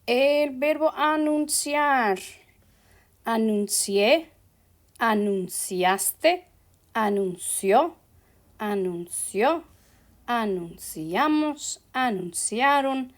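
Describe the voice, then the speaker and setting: Verb endings get a very careful, slow treatment from this Spanish teacher, a woman with a slightly high, expressive voice. Her explanations are peppered with English fillers like "so" and "ok."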